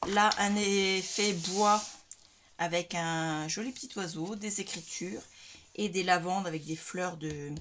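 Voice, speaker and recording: A woman's voice: lowish voice, noisy background. Chatty woman showing off craft paper. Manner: chatty, describes items one by one with many fillers. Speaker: crafting vlogger. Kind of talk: casual product showcase. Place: home craft room lit by ceiling light.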